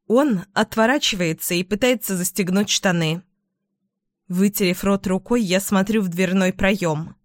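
A woman's voice: medium pitch, no echo, clean studio sound. A woman reading a first-person audiobook with dramatic, emotional delivery. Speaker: audiobook narrator.

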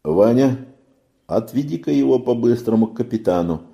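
A man voicing a sailor who questions urgently and gives quick, practical orders. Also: mid-range voice, expressive, vocal fry, mellow, voice pushed up. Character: inquisitive male sailor, hurried, practical.

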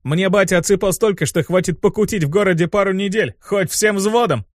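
Brief: bragging young demon legionnaire, a man doing him, a bit higher, loud, audiobook. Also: fast talker, no echo, lightly acted. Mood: boastful. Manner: boastful exclaiming. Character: boastful young male demon soldier.

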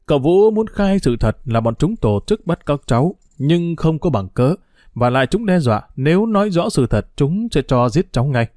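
Man reading as a solemn older woman, grave and caring, mellow low tone, dry close sound. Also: very animated, normal speed, no echo. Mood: sorrowful. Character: older woman, stern but caring family servant.

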